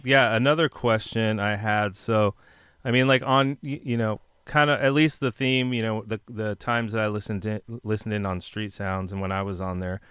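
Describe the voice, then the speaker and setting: A man's voice: on the low side, steady tone, normal speed, a bit bright, clear, resonant tone, dry recording. A man interviewing a guest, asking rambling questions full of fillers. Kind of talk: casual interview chat.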